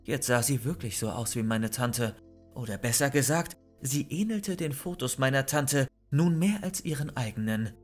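A man in a mid-range voice reads a horror story aloud, measured and suspenseful in his pacing. Faint music plays softly behind him. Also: mid-range voice, animated. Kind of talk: scripted narration of a horror story. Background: faint background music.

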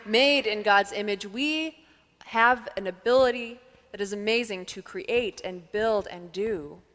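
A woman pastor in her thirties delivers a sermon at a medium pitch, calm and measured, pausing to let points settle. Her voice carries the long reverb of a church sanctuary, picked up on a headset mic. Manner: calm, measured preaching with thoughtful pauses.

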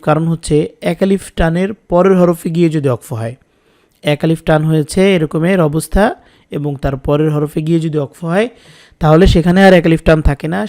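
A man teaching Quran recitation, patiently spelling out each letter and vowel before drawing the words out slowly. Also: a little high, darkish tone.

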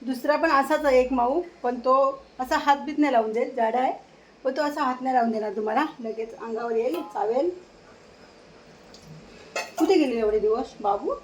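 A woman's voice: high voice, normal speed, darkish tone, slight background noise. A woman, vlogging at home and coaxing her cats in a cooing voice. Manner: coaxing, cooing baby talk to pets. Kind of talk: casual vlog talk to her cats. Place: home with pets.

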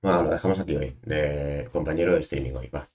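A man's voice: extremely low pitch, fairly quick, a little mellow. A man, chatting playfully on a live stream as he draws, repeating himself and bossing a toy around. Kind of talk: casual live-stream chat while drawing.

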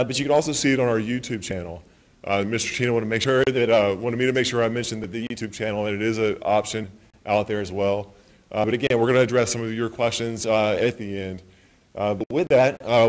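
A man's voice: on the low side, steady tone, fast talker. Man, moderator, town hall meeting, hesitant, filler-heavy, handheld mic. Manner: hesitant with many filler sounds. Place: meeting room with projector screen.

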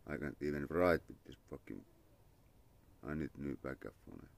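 Outdoors in his yard under a parasol, a young adult Finnish man goes live on a phone camera held at arm's length. He talks at normal speed with an extremely low, gravelly voice and lively intonation. His chat is casual and Finnish-accented, with thanks to followers and some muttering to himself.

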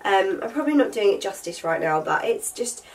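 A young vlogger in her twenties, nasal from a cold, chats casually to camera about her purchases in a bedroom with a vanity table, using lots of fillers. Her mid-range voice is expressive and brisk, captured by a distant mic.

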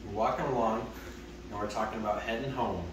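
Low-voiced young man in an echoey room. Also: fast talker. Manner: relaxed, recounting events. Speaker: missionary companion. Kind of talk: casual storytelling. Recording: distant, echoey, noisy phone audio.

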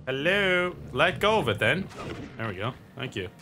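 Guy doing let's-play commentary, bright voice, chatty, swears a bit, faint game music behind. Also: mid-range voice, very animated, moderate pace. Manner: chatty, swears casually, thinks aloud. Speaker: gameplay commentator. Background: game sounds and music.

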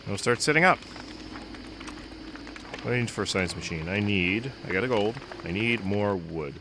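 A man with a fairly low, lively voice keeps up casual let's-play commentary at a normal speed, muttering to himself as he plays. He sounds a bit congested from a cold. Loud background music makes the recording noisy.

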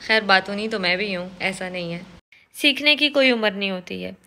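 Speaking into a nearby phone camera in a small room at home, a young woman explains what running a restaurant has taught her, mixing in English words. Her voice is medium-pitched and sharp, at a normal speed, in a relaxed talking-head vlog.

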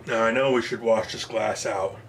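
A man's voice: fairly low pitch, steady tone, moderate pace, a little hiss or hum. A man casually reviewing beers on camera, plainspoken and modest as he thinks aloud about the taste. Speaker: beer reviewer. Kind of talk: casual product review vlog.

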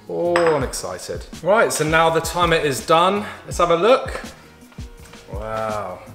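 A man chatting casually as he cooks in his home kitchen, with playful asides and small jokes. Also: mid-range voice. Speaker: home cook, vlog regular. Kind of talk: casual cooking walkthrough. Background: background music.

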